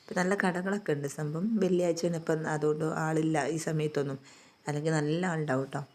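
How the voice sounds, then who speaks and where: Hoarse, chatty low-voiced woman. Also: flat delivery, quick pace, dark tone. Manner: chatty, homely, tags sentences with "tto". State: hoarse, recovering voice. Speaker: vlogger. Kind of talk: casual vlog narration.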